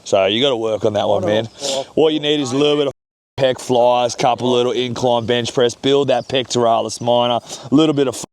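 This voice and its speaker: A man's voice: medium pitch, fairly even intonation, brisk. A man chatting casually and jokingly coaching a friend on chest workouts. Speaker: friend giving gym advice. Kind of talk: casual chat. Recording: noisy public place with crowd.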